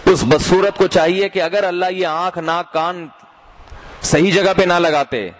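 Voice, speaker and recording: Lively middle-aged male preacher. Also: high voice. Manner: lively, rhetorical questions, addresses listeners as brothers. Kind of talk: sermon.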